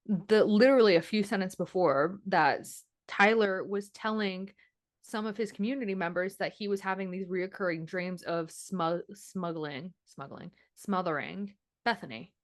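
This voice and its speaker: A woman's voice: mid-range voice, moderate pace, no room sound, studio quality. A woman in her late twenties co-hosting a true-crime podcast, chatting casually with lots of fillers and restarts. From Florida. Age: late 20s. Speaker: podcast co-host.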